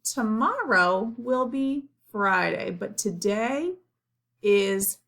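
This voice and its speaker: A woman speaking like a kindergarten teacher leading young children through a lesson, encouraging them in simple, repeated phrases and pausing for answers. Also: mid-range voice, expressive, a bit bright.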